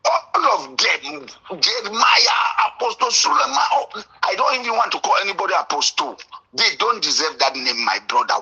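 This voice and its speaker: A man from Cameroon with a Cameroonian English accent, calling in to a radio show, impassioned and indignant, at times breaking into shouts. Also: high voice, sing-song, normal speed, breathy edge, muffled recording. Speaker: caller. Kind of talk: call-in radio talk.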